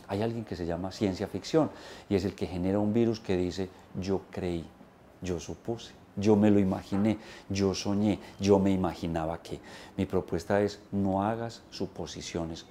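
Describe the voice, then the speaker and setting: A man's voice: low-pitched, mellow, a little hiss or hum. A man in his thirties, a business coach giving an emphatic instructional talk to camera on a lapel mic in an indoor studio. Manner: emphatic, gesturing with both hands, listing points.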